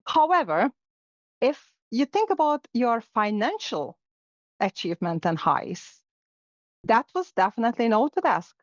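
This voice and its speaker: Speaking with a fairly high pitch and big swings, this middle-aged native Hungarian woman from Hungary talks at a measured pace. She's a reflective interview guest in a casual chat, often using fillers and restarting her sentences. The dry recording sounds dull and lo-fi.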